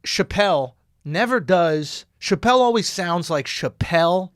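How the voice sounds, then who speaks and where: A man with a high, bouncy voice riffs through loose comedic podcast banter, cracking crude jokes and breaking into laughter. He sits close to the mic in a dry, dead studio sound. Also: lively intonation, unhurried, no room sound. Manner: joking, laughs often, crude humor.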